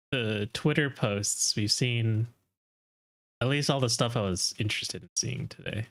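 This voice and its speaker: A man giving casual, off-the-cuff live commentary as a streamer reacting to game trailers. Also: mid-range voice.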